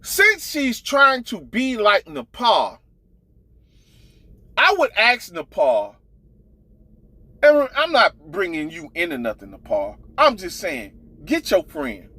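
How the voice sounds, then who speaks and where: A man sharing gossip casually as an online commentator sounds blunt, profane and exasperated, pounding his points with emphatic repetition. His high, sharp-toned voice swings hugely in pitch, moving slowly with frequent pauses. The low-quality recording has no echo.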